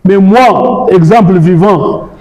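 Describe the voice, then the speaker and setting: A Congolese lawyer from the DRC speaks slowly in a high-pitched, darkish voice, delivering a formal argument step by step and referring to articles of law. The audio sounds dull, and the room is echoey.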